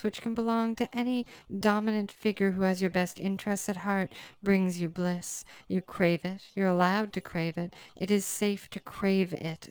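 A woman speaking as a hypnotist in a slow recording, using commanding, repetitive phrasing. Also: lowish voice, darkish tone, clear, resonant tone, dry recording, poor audio.

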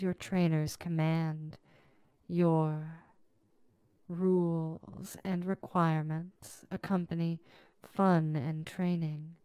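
A woman speaking in a soft, soothing, drawn-out way, narrating a slow scripted hypnosis session close to the mic. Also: lowish voice, clean tone, no echo. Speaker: hypnosis audio creator.

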